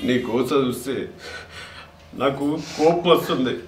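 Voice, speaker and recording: Guy playing a loving grieving son, telangana accent, soft pleading voice, mic far off in an echoey room. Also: mid-range voice, fairly quick, soft background music, lightly acted. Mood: tender, grieving. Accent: Telangana Telugu. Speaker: actor.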